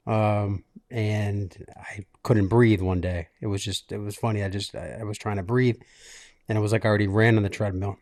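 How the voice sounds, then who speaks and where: A man in his late thirties hosting a casual podcast from a living room, telling a personal story in a halting, self-interrupting way. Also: fairly low pitch, a little mellow. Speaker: podcast host. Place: makeshift studio in a living room.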